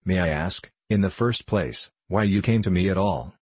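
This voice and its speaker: Brief: man reading a sharp detective, deep husky voice, precise and lecturing. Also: normal speed, no echo. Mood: lofty. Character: sharp, bored male detective, lofty and precise.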